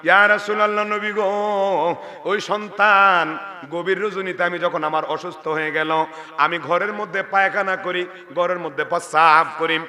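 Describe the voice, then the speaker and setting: Male preacher doing a wailing, heartbroken old mother, high bright voice, long reverb. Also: steady tone, moderate pace. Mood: lamenting. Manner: wailing lament. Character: grieving old mother, sick and cast out. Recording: long reverb of a large venue.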